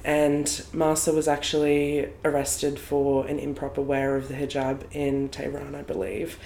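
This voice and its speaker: A woman's voice: deep voice, completely flat delivery, measured pace, vocal fry, warm tone. A young Australian woman co-hosting a podcast in a casual, chatty way and laughing often, recorded in a room outside a studio. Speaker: podcast co-host. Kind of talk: casual chat. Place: home room, not a studio. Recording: echoey room, faint noise.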